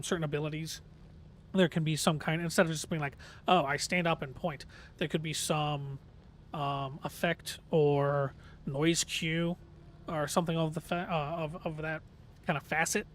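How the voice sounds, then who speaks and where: Guy streaming a game, kinda high reedy tired voice, earnest casual rambling, some rumbly noise. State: slightly strained, tired voice from long talking. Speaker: game livestreamer, host. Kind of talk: casual livestream chat.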